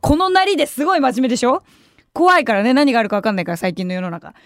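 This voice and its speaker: A woman's voice: high voice, sing-song, racing, dry recording, clean studio sound. A young woman hosting a radio show, telling a story in a casual, chatty way and acting out the voices of people she quotes. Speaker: radio personality. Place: radio studio.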